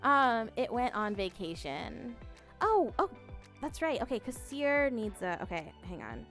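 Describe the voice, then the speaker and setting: Slow-talking woman streamer, rambling and chatty. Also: on the high side, big pitch swings, fairly bright tone, soft background music. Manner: rambling, many fillers and restarts, reads chat aloud; bubbly squeals of greeting. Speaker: streamer reading chat. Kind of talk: casual live-stream chat.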